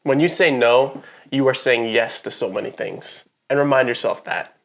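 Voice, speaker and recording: Male podcast co-host, playful teasing chat, mid pitch. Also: moderate pace, gravelly, fairly bright tone. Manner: teasing and playful, easy laughter. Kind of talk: casual chat.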